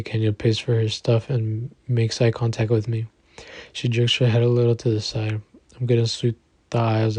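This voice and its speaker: Flat, dark-toned male audiobook narrator. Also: mid-range voice, no echo. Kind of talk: first-person audiobook narration.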